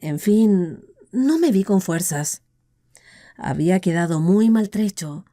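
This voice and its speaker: A woman narrator with a Latin American Spanish accent voicing a scarred, limping man who speaks calmly and ruefully to his lost love. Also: on the low side, slow.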